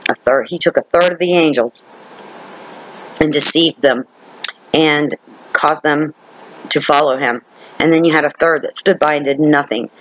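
A man with a somewhat high voice leads an informal Bible study. He reads scripture aloud and then explains it piece by piece. He repeats key words for emphasis and keeps checking in with his listeners. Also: fairly bright tone, rough recording. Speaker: Bible teacher.

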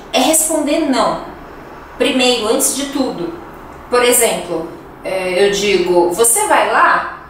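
A woman's voice: a little high, fairly bright tone. A woman with a Brazilian accent giving a casual language lesson, chatty and laughing often as she acts out example phrases. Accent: Brazilian Portuguese. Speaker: Portuguese teacher. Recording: echoey room, voice from a distance, faint noise.

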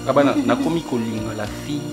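A man playing a lovesick excitable young man. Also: mid-range voice, fast talker, close to an everyday voice. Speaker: actor in Congolese theatre comedy. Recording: music behind the voice.

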